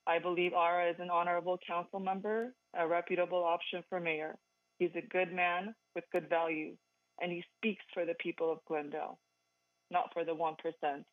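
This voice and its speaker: A woman calling in by phone to a council meeting, reading a firm, measured prepared comment. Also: fairly low pitch, dry recording. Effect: calling in over a phone line. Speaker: public comment caller. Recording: dry, tinny phone line.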